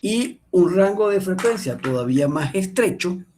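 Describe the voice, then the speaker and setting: Male instructor teaching an online class, fairly high mellow voice, halting, keeps checking "ok?". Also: lively intonation, a little hiss or hum. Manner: explanatory, often checks in with "¿ok?"; halting, with frequent restarts and fillers.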